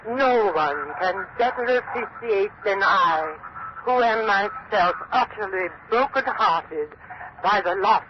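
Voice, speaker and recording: A woman's voice: mid-range voice, takes it slowly, natural voice. An actress playing a grieving, widowed British queen in a stately, mournful manner in a 1940s radio drama. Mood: mournful, regal. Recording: muffled, noisy old radio broadcast.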